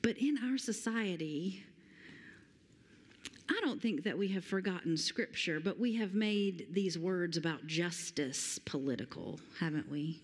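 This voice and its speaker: A woman, preaching a sermon from a church stage and reading scripture with slow, emphatic stress. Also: fairly low pitch, lively intonation, slightly rough. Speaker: pastor. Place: large church sanctuary stage. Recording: long hall reverb.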